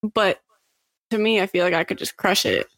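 A woman's voice: medium pitch, big pitch swings, normal speed, fairly bright tone, no room sound. A young woman co-hosting a podcast in casual chat, rambling with lots of fillers and frequent giggles. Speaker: podcast co-host.

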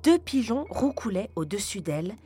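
A woman reading a fairy tale aloud in a calm, expressive storytelling voice. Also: mid-range voice, normal speed, slight background noise.

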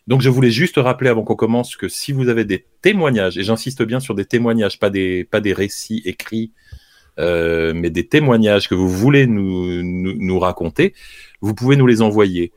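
A man's voice: on the low side, moderate pace, a little mellow, no echo, studio quality. A man hosting a casual show, making spontaneous announcements in a hesitant way, repeating words as he goes. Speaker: show host.

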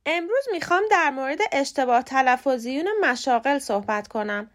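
A woman hosting a short podcast lesson, speaking Persian natively and spelling out English words letter by letter with slow, careful pronunciation. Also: sits high, music in the background. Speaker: podcast host and English teacher.

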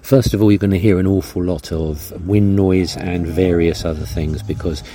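A man's voice: deep voice, steady tone, normal speed. A man recording a casual, wry podcast diary with a towel over his head, chatty and understated, slightly muffled. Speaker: podcast host. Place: exposed wooden beach shack, under a towel.

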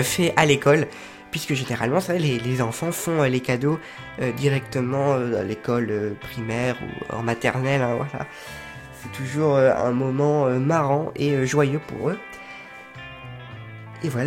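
A shop presenter giving an informal explanatory talk, hesitant, with frequent fillers and restarts. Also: mid-range voice.

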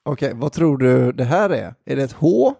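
A man's voice: medium pitch, expressive, creaky, mellow, husky, dry recording, studio quality. A man chatting casually and rambling, drifting from one topic to the next. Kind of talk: casual podcast chat.

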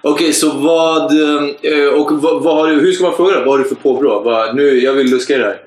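A man hosting a casual podcast, firing off quick, joking questions and laughing along. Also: a little high, fairly even intonation. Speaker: podcast host. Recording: roomy echo.

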